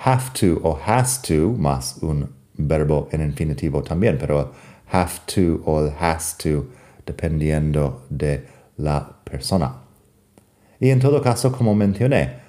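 A man from the United States, an English speaker teaching English grammar in a bilingual lesson, patiently repeating example sentences and pausing with fillers. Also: deep voice, dark tone.

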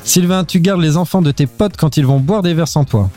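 A man's voice: on the high side, brisk, mellow, faint music behind. A man hosting a casual podcast, firing quiz questions at his co-hosts and laughing often.

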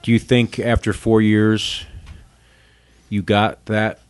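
A man interviewing two guests in a measured, conversational way, thinking aloud in long, qualified sentences. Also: lowish voice, level tone, clear, resonant tone, no room sound.

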